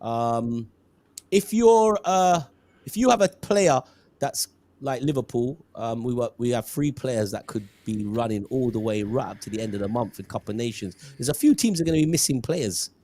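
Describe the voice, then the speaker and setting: A man's voice: mid-range voice, animated, moderate pace, dark tone. A man hosting a casual football chat, laid-back and teasing, drawing out his reactions. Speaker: podcast host.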